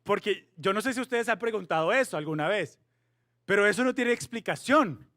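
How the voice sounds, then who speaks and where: High-voiced, animated male youth pastor. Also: fairly quick, no room sound, clean studio sound. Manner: animated, playful, mixes in English words. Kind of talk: storytelling youth sermon.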